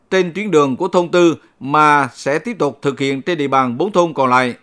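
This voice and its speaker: A man reading a scripted local radio news bulletin in a formal, measured announcer's manner. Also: fairly high pitch, a bit bright.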